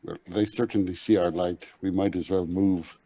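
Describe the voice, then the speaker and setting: A man's voice: deep voice, steady tone, normal speed, warm tone. A man speaking as a player in a tabletop game, casual and matter-of-fact. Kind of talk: casual tabletop play chat.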